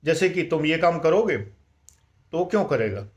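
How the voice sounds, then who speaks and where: An older man giving calm, measured life-management advice and mixing in English words. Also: on the high side, dull audio.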